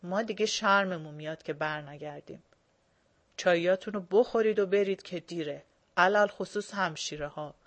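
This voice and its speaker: A woman voicing a gruff, commanding male tough guy who barks loud orders in a short story reading. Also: on the low side, close to an everyday voice.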